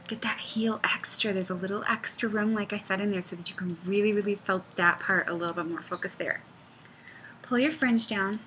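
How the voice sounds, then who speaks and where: A woman's voice: medium pitch, a little hiss or hum, rough recording. A woman giving a casual knitting and felting tutorial at home, rambling and chatty, with frequent laughs. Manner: rambling, chatty, goes off on tangents; animated, laughs often. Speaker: knitting pattern designer.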